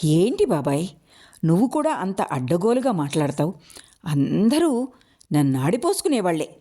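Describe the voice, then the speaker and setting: A woman reading a story aloud, voicing a sharp-tongued stepmother who complains and snaps. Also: on the low side, big pitch swings, moderate pace. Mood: scolding. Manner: complaining, snapping.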